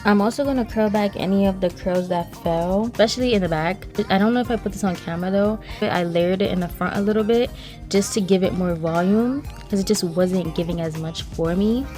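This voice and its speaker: A young woman in her early twenties talks viewers through a hair install in a loose, chatty voice-over. She is a hairstylist from Trinidad and Brooklyn who keeps calling her viewers "y'all." Faint music plays under her mid-pitched voice. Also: fairly quick, dark tone. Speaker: hairstylist and vlogger. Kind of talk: casual voice-over hair tutorial. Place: voice-over, not recorded in the pictured place.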